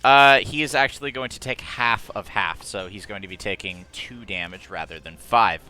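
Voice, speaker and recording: A man's voice: on the low side, moderate pace, bright, forceful tone, faint music behind. A man running a tabletop game as game master, chatty and laughing, with many fillers.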